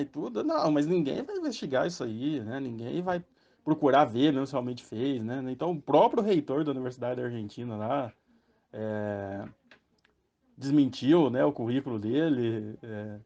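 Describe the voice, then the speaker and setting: A Brazilian man with a Brazilian Portuguese accent hosts a podcast, rambling through casual commentary full of fillers and tag questions. His voice sits a little high and sounds a little mellow. The recording is muffled and lo-fi.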